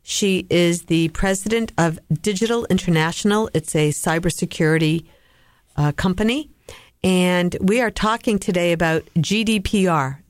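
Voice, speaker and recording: A woman's voice: lowish voice, a little mellow, dry recording, clean studio sound. A woman hosting a business radio talk show, introducing a guest and asking questions in a friendly, conversational way.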